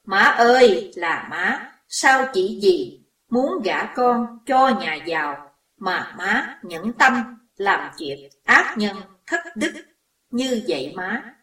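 A woman's voice: medium pitch, big pitch swings, slow, pushed and bright, full character voice. A woman voicing a distraught young woman who is grieving and furious, recorded in a roomy space away from the mic. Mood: anguished accusing. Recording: roomy echo, distant mic.

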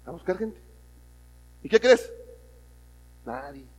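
A man preaching a sermon, telling a story and swinging from loud emphatic lines to hushed ones. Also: high-pitched, big pitch swings, takes it slowly. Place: church hall. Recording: long reverb of a church hall.

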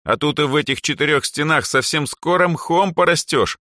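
A man voicing a cheerful, pushy teenage drow girl for a storybook reading, in a bright, bouncy and teasing voice. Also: on the high side, normal speed, dry recording, studio quality, voice pushed up.

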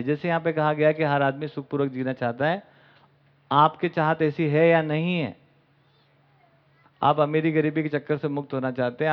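Male camp lecturer, raised voice, mixes in English words, rhetorical questions; muffled lo-fi audio. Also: on the high side. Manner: asks the audience rhetorical questions. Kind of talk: spoken lecture to a live audience. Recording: dull lo-fi recording.

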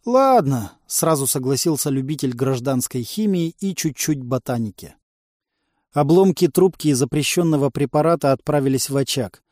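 A man's voice: medium pitch, normal speed, warm tone, no echo. A man narrating a first-person audiobook with a dry, wry storytelling tone.

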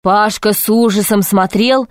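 A woman reading a children's adventure book aloud in measured, clear narration. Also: mid-range voice, fairly even intonation, no room sound, clean studio sound. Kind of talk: scripted audiobook narration.

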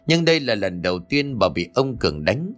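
A man narrating an audiobook story in steady scripted storytelling. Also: on the low side, moderate pace, soft background music.

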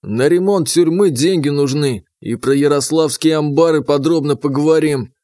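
A man's voice: a little high, moderate pace, mellow, no room sound, clean studio sound, close to an everyday voice. A man voicing a shrewd, mocking official who speaks in a sly, sardonic way.

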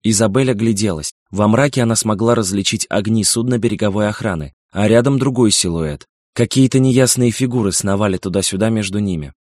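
A male audiobook narrator with a lowish voice reads a novel in steady, measured storytelling. The recording is dry and close, with no room sound at all. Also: no room sound.

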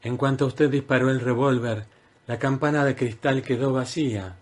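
A man voicing a gentle young woman doctor in an audiobook, speaking softly in a lightly raised voice. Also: medium pitch, fairly even intonation, moderate pace, voice pushed up, natural voice. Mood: calm.

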